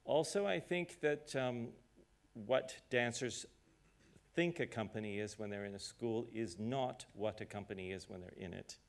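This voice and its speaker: A middle-aged man from Canada speaks in a slightly low voice, telling things directly and drifting into short anecdotes. He hesitates now and then with small fillers, sounding like a director answering questions in a rehearsal studio. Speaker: artistic director leading a Q&A. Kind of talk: candid conversational talk.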